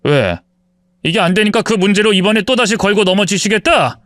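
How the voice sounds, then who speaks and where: A man's voice: sits high, animated, a little fast, a bit bright, no room sound, clean studio sound. A man voicing an arrogant husband in his forties who mocks his wife and justifies his cheating. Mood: scornful. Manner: contemptuous, mocking, self-justifying. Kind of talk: dramatized story reading.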